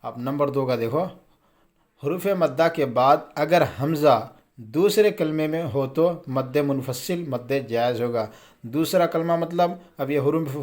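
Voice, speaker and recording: A man teaching Quran reading in a casual, patient way. He asks questions and answers them himself, and he draws out the example words slowly. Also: on the high side, darkish tone. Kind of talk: casual spoken lesson.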